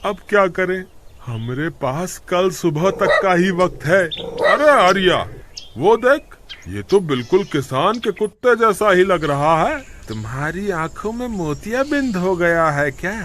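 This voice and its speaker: A man's voice: high voice, measured pace, a little hiss or hum, heavily acted. Man doing wheedling village tricksters. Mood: scheming. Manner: wheedling and excitable. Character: two scheming male village tricksters.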